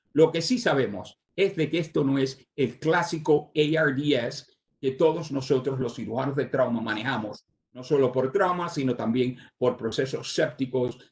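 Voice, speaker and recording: Speaking at a medical conference, this older Cuban-born surgeon raised in the United States has a mid-range voice and a Cuban Spanish accent with American English influence. He often stalls on "ah" and starts his sentences over.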